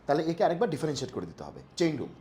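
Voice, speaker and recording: A man tutoring math for an exam, fast and playful, using jokey homely analogies. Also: on the high side, huge pitch swings, dark tone, a little hiss or hum. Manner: talks fast on purpose. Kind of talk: exam-prep math lesson.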